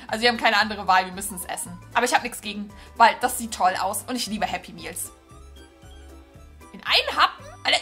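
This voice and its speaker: A high, bright woman's voice commenting on a game she is playing. She swings her pitch all over the place and keeps turning to her viewers, chatty and excitable. Faint game music plays underneath. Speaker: gaming video host. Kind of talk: casual let's-play commentary.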